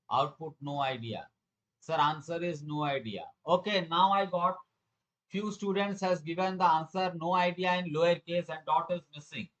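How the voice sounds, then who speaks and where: A man's voice: on the high side, a bit bright, low-quality recording. A middle-aged man with an Indian accent teaching a live programming lesson, repeating phrases for emphasis and questioning his students. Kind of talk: live online lesson, explaining quiz questions.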